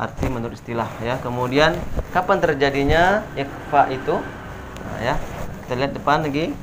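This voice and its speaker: A young adult man teaching a tajwid lesson at a whiteboard. He explains step by step, fills his speech with "nah" and "ya", and spells out letters slowly one by one. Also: medium pitch, noisy background. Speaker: Quran recitation teacher.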